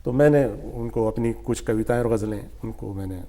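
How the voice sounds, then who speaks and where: An older man being interviewed as a guest poet, telling stories at an unhurried pace and acting out what others said to him. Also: mid-range voice, warm tone. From India. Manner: unhurried anecdotes, acting out quoted speech. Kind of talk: storytelling interview.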